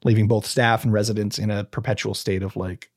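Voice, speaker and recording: Husky man telling a crime story. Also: fairly low pitch, flat delivery, a little fast, dry recording, clean studio sound. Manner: reads from notes, stumbles and restarts, adds casual asides. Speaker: podcast host telling a true crime case. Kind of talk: casual true crime storytelling.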